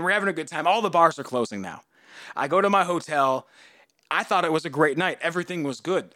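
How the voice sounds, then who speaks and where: A man in his thirties tells a story on his podcast, casual and animated. He jumps into high, loud voices when he quotes people. His voice sits a bit high for a man and swings widely, and the sound is close and dry. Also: no echo. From United States. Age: 30s. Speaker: podcast host.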